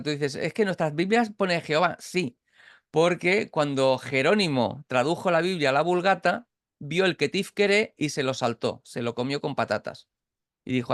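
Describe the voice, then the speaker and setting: A man's voice: a little high, a bit bright, no room sound, studio quality. Spanish man teaching a Bible class. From Catalonia. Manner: explanatory, many restarts and checking questions. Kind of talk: informal online Bible class. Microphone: video call.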